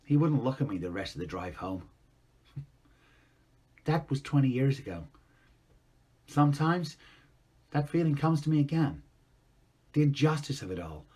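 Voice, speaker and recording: An actor playing a grown man recalling a harsh father in a quiet, reflective monologue. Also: medium pitch, very animated, normal speed, long pauses, slightly rough. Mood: wistful. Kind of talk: dramatic monologue.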